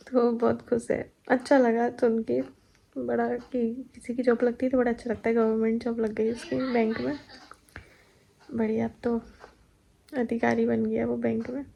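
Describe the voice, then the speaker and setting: A young pregnant woman talks casually at home, worn out from a sleepless night, chatting and laughing as she goes. Her voice sits a little high, with a husky edge and a warm, mellow tone. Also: little pitch movement, moderate pace, rough recording. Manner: chatty, laughing, recounting daily life. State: heavily pregnant and tired. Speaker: vlogger. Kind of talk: casual chat.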